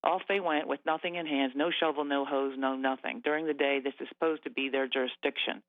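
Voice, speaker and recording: A man calling in to a radio show over the phone, talking in an agitated, halting way with many fillers and restarts. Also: medium pitch, steady tone, no room sound. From Nova Scotia. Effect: radio show caller on a phone line. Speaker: caller. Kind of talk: agitated call-in talk. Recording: tinny phone line.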